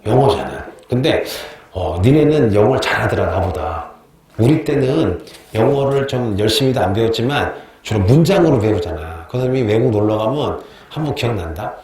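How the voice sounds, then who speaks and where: A man's voice: mid-range voice, expressive, moderate pace, a little mellow. A man teaching a history class, asking questions and answering them himself, repeating key terms and telling joking stories. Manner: chatty, tells joking anecdotes. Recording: very echoey classroom with faint noise.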